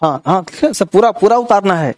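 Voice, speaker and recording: A man's voice: high-pitched, lively intonation, brisk. A man teaching a grammar lesson, often checking that students have understood and coaxing them along, with an Indian accent on English words. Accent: Indian English words in Hindi.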